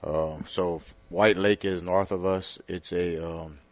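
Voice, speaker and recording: A man, a podcast guest talking in a relaxed way, halting with many fillers. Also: low-pitched. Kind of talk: casual interview talk.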